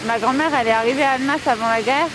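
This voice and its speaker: A woman's voice: sits high, racing. A woman reporter talking with people on location as she records a travel report. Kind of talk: on-location interviewing. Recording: noisy outdoor and station location recording.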